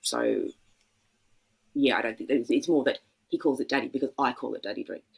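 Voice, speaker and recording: An Australian woman from Sydney, a podcast guest talking in a casual, reflective way with many halting fillers. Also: very deep voice, gravelly, husky, low-quality recording. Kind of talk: casual conversational interview.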